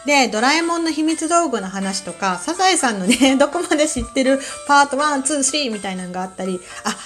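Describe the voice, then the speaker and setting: A woman from Kansai with a Kansai accent, hosting a relaxed solo talk show with a calm manner and many soft fillers. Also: high-pitched, fast, faint music behind. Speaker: podcast host.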